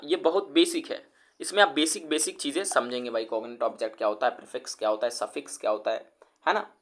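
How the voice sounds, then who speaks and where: Male grammar teacher, slightly high voice, patient and repetitive, breaking words into syllables for viewers. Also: a bit bright. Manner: addresses viewers as friends, repeats words slowly and syllable by syllable. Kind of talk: explanatory lecture.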